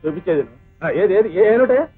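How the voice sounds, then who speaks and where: A man's voice: high voice, lively intonation, husky, faint music behind. An actor playing an irritable male hotel cashier who accuses a boy of lying. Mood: scolding. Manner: brusque, scolding, rapid talk. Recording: tinny lo-fi film audio.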